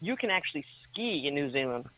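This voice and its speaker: A woman's voice: sits low, very animated, fairly quick, a bit bright, no room sound. A woman co-hosting a talk radio show, chiming in chattily, with slightly muffled sound. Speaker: radio co-host. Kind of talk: casual talk radio chat.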